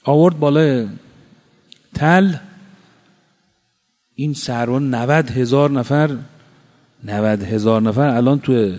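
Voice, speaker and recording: Impassioned preacher in an echoing hall. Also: male voice, mid-range voice, long pauses, darkish tone. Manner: impassioned, rhetorical questions, chanted Arabic quotations. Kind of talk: religious sermon. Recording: long reverb of a hall.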